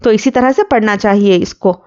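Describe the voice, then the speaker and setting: A woman teaching Quran recitation, spelling out letters and vowel marks one by one and blending them into words, with brisker plain explanations in between. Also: mid-range voice, a little mellow, muffled recording. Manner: explains quickly in a conversational teaching tone. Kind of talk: slow syllable-by-syllable spelling drill.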